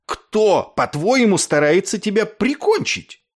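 A fervent young officer, as a male reader puts him on in an audiobook, his voice pitched high above the narration and loud. He shouts and splutters with indignation, his pitch leaping about. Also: very animated, slow pace, slightly rough, full character voice. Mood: indignant shouting.

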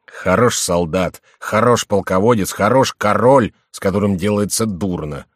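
A man voicing a gruff, grumbling soldier companion with sardonic remarks, in an audiobook reading. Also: lowish voice, moderate pace, no room sound, studio quality, close to an everyday voice. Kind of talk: audiobook character voice.

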